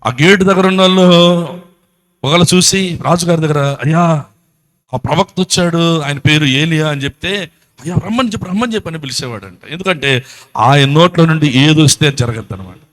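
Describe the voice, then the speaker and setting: Telugu-accented pastor guy, high voice, preaching a lively sermon, keeps firing questions at the crowd. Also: a little fast. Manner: animated storytelling, rhetorical questions, acts out voices. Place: church.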